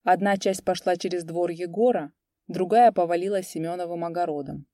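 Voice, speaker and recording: A woman narrates an audiobook story with measured, dramatic pacing and fairly even intonation. Her low, dark, mellow voice is recorded close and dry, with no room sound.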